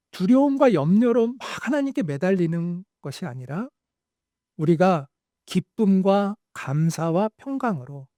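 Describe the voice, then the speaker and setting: A male pastor preaching a sermon, telling stories with animated voices for the quoted lines. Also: fairly high pitch, no echo, studio quality.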